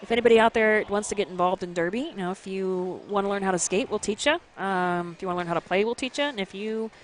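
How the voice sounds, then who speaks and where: A woman doing live roller derby commentary, chatty and quick to laugh, with sudden bursts of excitement over the action. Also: medium pitch, slight background noise.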